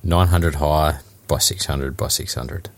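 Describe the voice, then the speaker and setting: An Australian man with an extremely deep voice chats as a podcast co-host. He talks in an easygoing, plain-spoken way over a remote call. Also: fairly even intonation, a little slow. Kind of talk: casual chat.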